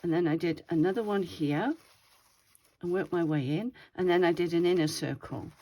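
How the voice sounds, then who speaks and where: Warm and on the low side, the older woman's voice carries a slight wheeze and moves at a moderate pace. She hosts a craft video from home, casually presenting her project with rambling, self-correcting chatter.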